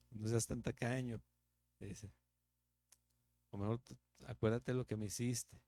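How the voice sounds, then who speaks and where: A man's voice: medium pitch, mellow, no room sound. A man with a Mexican Spanish accent teaching the Bible verse by verse as a pastor, in a conversational preaching manner with rhetorical questions.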